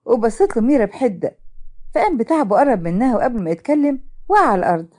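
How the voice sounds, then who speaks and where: A woman with an Egyptian accent narrates a storybook drama at a quick clip. Her fairly high voice moves up and down with expression, keeping the telling brisk. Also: very animated, warm tone.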